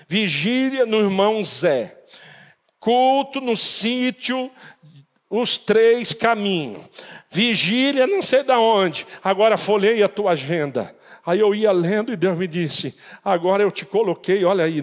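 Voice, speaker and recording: A man preaching a sermon as pastor, telling a story dramatically and rising to shouts at the peaks. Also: high-pitched, lively intonation, measured pace, long reverb tail. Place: church.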